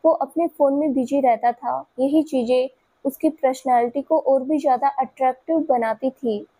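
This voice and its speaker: A woman storyteller giving scripted audio-story narration in a steady, even manner. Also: high-pitched, moderate pace, husky.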